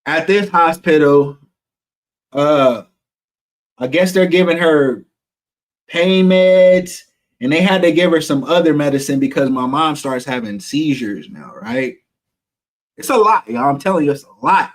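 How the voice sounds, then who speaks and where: Man, vlogger, slightly high voice, raw emotional storytelling, blunt profanity. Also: lively intonation, a little slow, long pauses. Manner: emotional, candid, swears freely, addresses viewers as y'all. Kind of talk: personal storytelling vlog.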